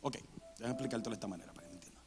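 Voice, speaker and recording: A man preaching a sermon in a church, with sudden loud dramatic outbursts. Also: fairly low pitch, racing. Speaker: pastor. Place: church sanctuary. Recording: long church hall reverb.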